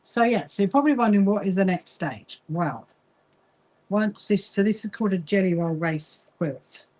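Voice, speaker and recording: Hosting a livestream for a quilting association, a chatty English woman from the south coast sews while talking with viewers, welcoming them and replying to comments. Her mid-range voice carries a Kentish-Sussex lilt, lively intonation, normal speed, and a slightly mellow tone.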